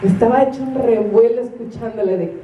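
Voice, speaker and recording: A woman's voice: on the high side, fairly quick, muffled recording, a little hiss or hum. A woman, a minister preaching a sermon and telling stories with acted-out quotes and laughter. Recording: echoey room from a distance.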